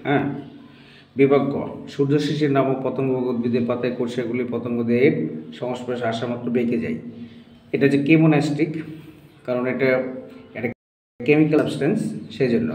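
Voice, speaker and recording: A man's voice: medium pitch, mellow. A male tutor solving a science test paper for students, explaining each answer step by step and often checking that they follow. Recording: echoey room.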